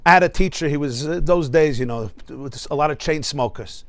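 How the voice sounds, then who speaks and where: A middle-aged American rabbi gives an animated class, his voice sitting high for a man. He laughs often and throws questions to his listeners. The sound is dry and close, with no room echo. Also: a little fast. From United States. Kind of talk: lively spoken class. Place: synagogue study hall.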